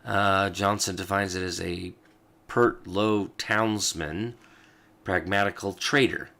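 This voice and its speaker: A male show host reads old legal texts aloud, talking through them with fillers and asides. His voice is low and sharp with vocal fry, his intonation fairly even and his pace slow.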